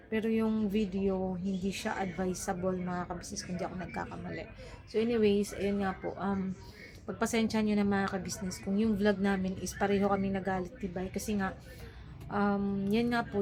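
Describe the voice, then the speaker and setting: A woman vlogger talking casually to her viewers from home, rambling with lots of hesitations and filler words. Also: mid-range voice.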